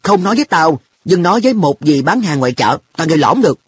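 A man reads a storybook, voicing boy An, a carefree schoolboy who teases and thinks about money, with an offhand, blunt boyish manner. He talks fast in a fairly high voice pitched above his own, with big pitch swings and a breathy edge, heavily acted on a dry recording.

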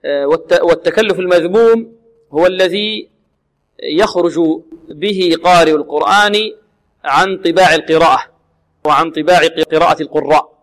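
A man's voice: fairly high pitch, a bit bright. Man teaching recitation in a reverberant hall. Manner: explains rules, drills sounds slowly, asks and answers his own questions. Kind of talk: tajweed lesson with demonstrations.

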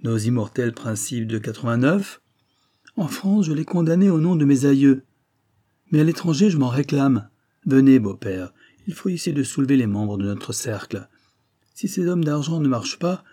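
A man's voice: mid-range voice, animated, normal speed, dark tone, pitched above the performer's own voice, close to an everyday voice. A man voicing a witty, nonchalant middle-aged French aristocrat who turns declamatory, in an audiobook. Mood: rousing.

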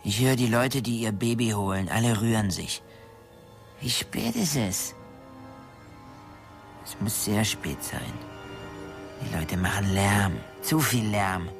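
An actor in a radio play voicing a taunting anonymous killer who speaks slowly and slips into mocking whispers. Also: mid-range voice, gravelly, over music. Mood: weary. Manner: slow, mocking, drifting into whispers. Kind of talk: radio drama acting.

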